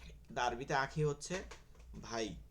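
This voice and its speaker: A man's voice: mid-range voice, a little slow, slight background noise. A man teaching an online Quran pronunciation class, patiently repeating sounds and checking in with his students. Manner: patient, repeats letters and asks "okay?" often.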